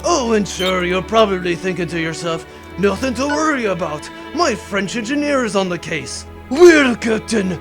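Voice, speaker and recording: A man's voice: high-pitched, sing-song, moderate pace, gravelly, over music, heavily acted. A man playing a blustering, theatrical barracuda villain in a comic audio drama, gloating with melodramatic menace.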